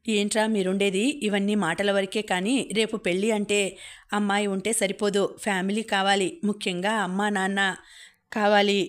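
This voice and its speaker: A woman's voice: medium pitch, level tone, moderate pace, close to an everyday voice. A woman reading the part of a proud, scornful older father who looks down on an orphan girl. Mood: defensive. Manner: scornful, dismissive.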